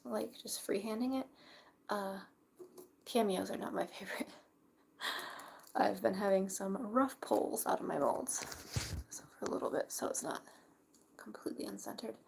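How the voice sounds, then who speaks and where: A young woman chatting casually in a hushed, breathy library whisper while live crafting. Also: on the high side. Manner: hushed library whisper, keeping quiet for sleepers. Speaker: craft livestreamer. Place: at home late at night, crafting. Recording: faint background noise.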